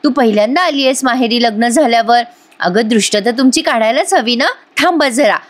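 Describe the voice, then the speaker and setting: A woman's voice: on the high side, fairly quick, lightly acted. A woman voicing an eager middle-aged housewife who fusses over her guests. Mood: excited welcoming. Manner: eager, bustling hospitality. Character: fussing older housewife, warm and excited.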